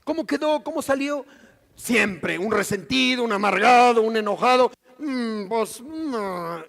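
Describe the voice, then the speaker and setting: Middle-aged Mexican-accented pastor, very high voice, lively sermon delivery in a reverberant church hall. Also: male voice, a little slow, gravelly. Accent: Mexican Spanish. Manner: animated preaching, acting out quoted voices.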